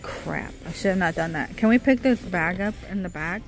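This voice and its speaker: With a fairly low pitch, lively intonation and a moderate pace, a middle-aged shopping vlogger narrates her casual trip through a department store. Holding her phone camera, she calls out product names and their prices as she browses.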